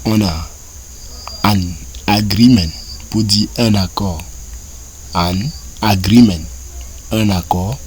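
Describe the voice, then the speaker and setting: Man, Cameroonian French accent, English teacher, repeats every word in drills, extremely slow pace, faint insect noise behind. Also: fairly low pitch, a little mellow. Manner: repeats each word several times in a slow drilling cadence. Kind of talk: French-language vocabulary and grammar lesson.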